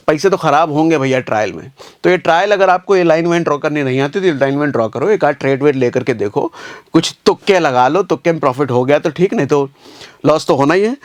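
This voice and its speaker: A man walks viewers through a trading chart in a casual, repetitive tutorial voice. His voice sits high, and he calls his listeners "bhaiya". The recording is close and dry, with no room sound. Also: no room sound. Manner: casual, addresses viewers as bhaiya, repeats phrases.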